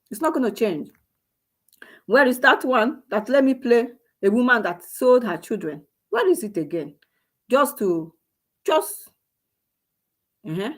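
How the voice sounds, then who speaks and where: A woman giving impassioned political commentary, scolding and firing off repeated rhetorical questions. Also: medium pitch. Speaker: online commentator.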